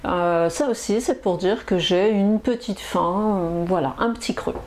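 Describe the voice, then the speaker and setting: A woman teaching French expressions in a language lesson, saying each phrase several times with many pauses and fillers. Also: medium pitch, darkish tone. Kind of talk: slow, repetitive language lesson.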